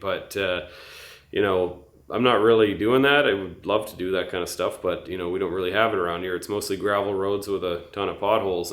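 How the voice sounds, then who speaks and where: A man's voice: lowish voice, reverberant. A man giving a casual, candid truck-build update vlog, hesitant and full of fillers.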